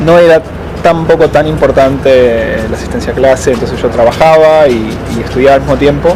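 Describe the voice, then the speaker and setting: A medium-pitched man from Argentina in his 30s, a doctoral student, is interviewed casually outdoors in a city, with street noise and traffic around him. He sounds thoughtful and hesitant, using many fillers and slow pauses.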